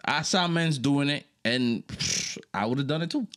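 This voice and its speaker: At a measured pace, a young podcast co-host from the Dominican Republic keeps things easygoing in a casual chat. He swears without restraint and bounces between quiet muttering and noisy laughing outbursts.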